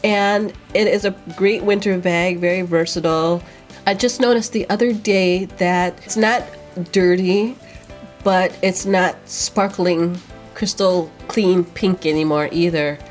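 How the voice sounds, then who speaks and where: A woman's voice: fairly low pitch, fairly even intonation, unhurried, faint music behind. A woman vlogger, stuffy and sniffling with a cold, rambling in casual chat as she answers viewer questions. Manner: rambling, chatty, with fillers.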